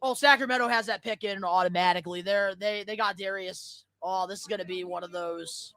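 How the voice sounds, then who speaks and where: A man streaming a live reaction, excitable, shouting and swearing in bursts of joy. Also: sits high, a little fast, dry recording, studio quality. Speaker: streamer reacting to a sports draft.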